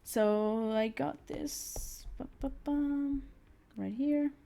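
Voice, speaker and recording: Her voice is high-pitched, extremely slow and dark, with vocal fry. The young woman streams her drawing session, chatting in a rambling way with lots of fillers, stammered restarts and laughter.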